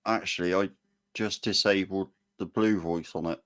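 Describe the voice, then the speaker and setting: Deep-voiced man in casual chat. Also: fairly even intonation, normal speed, fairly bright tone.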